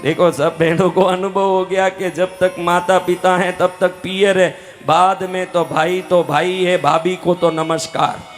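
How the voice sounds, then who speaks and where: High-pitched guy preaching a story slow, keeps asking the crowd questions, soft music behind. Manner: animated, calls out questions to the audience. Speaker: religious storyteller. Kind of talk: live devotional story sermon. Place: hall with a live audience.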